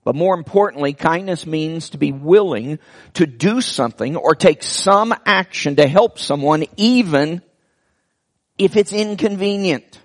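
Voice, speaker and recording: A man preaching a sermon as a pastor, speaking slowly and deliberately with earnest pauses and soft drops in prayer. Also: a little high, animated.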